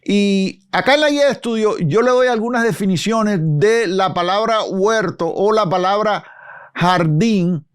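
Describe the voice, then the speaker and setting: A man, a pastor, teaching a live Bible study lesson, unhurried, full of hesitation fillers and self-corrections, speaking directly and formally to his viewers. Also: sits high, clean tone.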